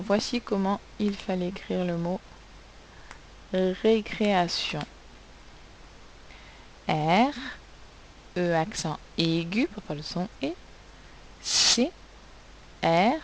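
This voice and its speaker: A woman teaching children to spell in a recorded lesson, speaking slowly and patiently as she sounds out each letter. Her voice sits a little low. A faint hiss runs under the recording. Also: low-quality recording. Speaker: primary school teacher.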